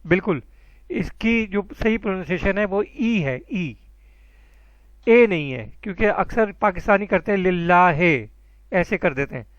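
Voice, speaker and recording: Man, high voice, patient teacher, dry close sound, muffled lo-fi. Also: lively intonation, no echo. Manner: patient, encouraging, calls students by name. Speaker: Arabic teacher. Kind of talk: online class teaching.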